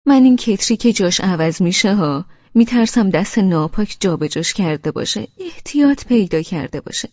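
A woman reading an audiobook, voicing a fussy, grumbling old grandmother who softens quickly. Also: on the low side, dull audio. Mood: conciliatory. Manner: grumbling, complaining.

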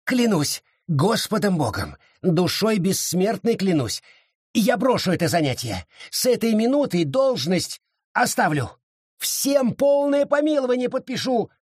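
Brief: man doing a panicked cowardly judge, pitch jumps high, frantic begging, husky edge. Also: big pitch swings, unhurried, few pauses, dry recording, clean studio sound, heavily acted. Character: cowardly terrified male judge, pleading.

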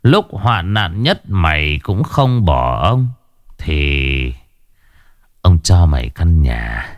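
A man voicing a scheming, gruff old village chief who commands his servant in a deep, low tone. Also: big pitch swings, very slow, no room sound, highs cut off, heavily acted. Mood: falsely jovial. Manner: commanding, gruff, falsely jovial.

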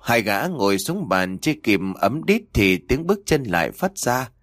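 A man narrating a horror story with a dramatic, expressive storytelling manner. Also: mid-range voice, moderate pace, no room sound, studio quality.

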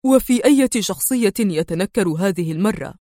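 An eager, curious man asks earnest questions as a woman reader voices him, a little lower than her narration. Her delivery stays close and dry, with no room sound. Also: lively intonation, fairly quick, warm tone, no echo, lightly acted.

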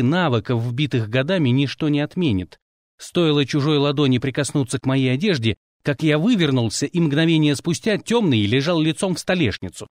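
A man's voice: medium pitch, darkish tone, dry recording. A man reading a first-person audiobook with dry, wry storytelling. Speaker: audiobook narrator.

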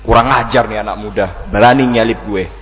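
A preacher acts out a vengeful middle-aged male driver in a sermon anecdote. He grumbles low and indignantly, full of wounded pride. The sound is lo-fi and hangs in a long hall reverb. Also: steady tone, fairly quick, close to an everyday voice. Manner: gruff, indignant colloquial muttering.

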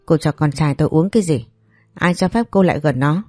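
A woman's voice: sits low, brisk, dark tone, no echo, soft background music. A woman voicing a fierce, protective young mother in a storybook, cursing in rage. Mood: furious. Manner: fierce and cursing, then cold.

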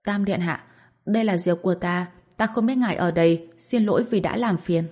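A curious young noblewoman, timid yet brave, with a soft voice that trembles a little, as a woman narrator reads her. The voice stays close to the reader's own. It suits a storybook audio drama. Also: on the low side, a little fast, lightly acted.

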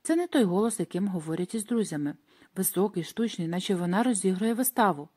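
A woman reads a first-person audiobook aloud at a mid pitch. Her delivery is dramatic and expressive, and she leans into the tense moments. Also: fast, slightly rough. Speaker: audiobook narrator.

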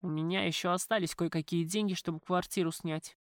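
A woman's voice: on the low side, steady tone, fairly quick, no echo, clean studio sound, close to an everyday voice. A woman reading a sulky young husband. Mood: sullen. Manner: sullen, defiant, grumbling. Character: sulky young man, a spoiled newlywed son.

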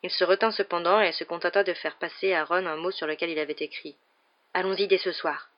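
A reader narrating a storybook chapter in an even, steady way. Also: mid-range voice, quick pace. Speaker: audiobook reader. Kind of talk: scripted narration. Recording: dull lo-fi recording.

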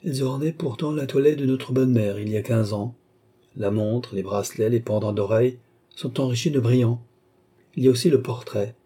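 A man reading an audiobook, voicing a gentle, devoted young noble lady in a softly lifted voice. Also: mid-range voice, moderate pace, husky, lightly acted. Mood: tender.

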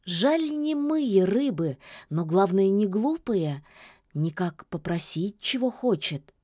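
A woman voicing a sharp-tongued but kindly old forest witch in a fairy tale, muttering and scolding in a folksy way. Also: mid-range voice, expressive, takes it slowly, no room sound, clean studio sound.

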